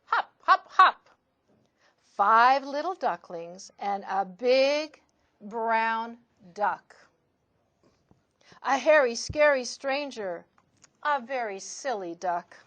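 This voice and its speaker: Woman doing kids storytime, reads a picture book slow and expressive, slightly high voice. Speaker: storytime reader. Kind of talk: reading a picture book aloud to children.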